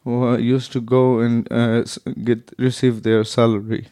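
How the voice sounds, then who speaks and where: A man speaks slowly and haltingly, often pausing as he searches for words. His voice is mellow and soft, and it sounds dry and close, with no room sound. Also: medium pitch, little pitch movement, dry recording. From Afghanistan. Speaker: interviewee. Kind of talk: interview answers in English.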